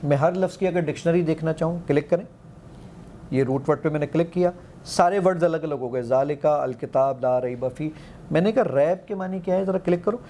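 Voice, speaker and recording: Eager man demoing his app, mellow voice. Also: a little high, slight background noise. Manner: eager, quotes himself giving commands, counts aloud. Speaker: app founder demonstrating his app. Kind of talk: animated demonstration in an interview.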